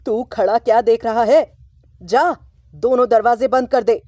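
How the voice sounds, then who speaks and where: Woman putting on a grumpy storybook dad, blustering, lower pitch, mellow tone. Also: animated, moderate pace, no echo, natural voice. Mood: angry. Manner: gruff, blustering commands. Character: grumpy stubborn father chasing sparrows.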